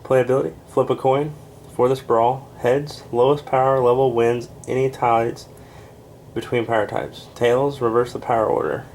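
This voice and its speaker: A man's voice: mid-range voice, level tone, a little mellow, slight background noise. Congested man reading card text. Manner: plain, unhurried card-by-card reading with fillers. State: congested, short of breath. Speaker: board game reviewer.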